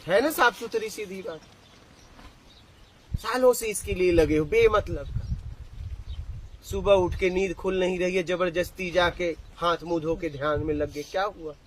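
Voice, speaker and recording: A man with a high-pitched voice gives a spiritual discourse outdoors, mixing personal stories with teaching. He keeps turning to his listeners with quick rhetorical questions. Faint birdsong and animal sounds drift in behind him. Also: a little hiss or hum, rough recording. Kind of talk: satsang discourse with storytelling.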